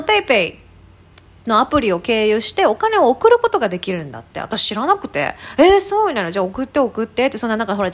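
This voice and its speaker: A woman in her thirties, hosting a casual talk show and telling a funny story with many fillers and laughs. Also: a little high. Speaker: podcast host. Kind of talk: casual chat.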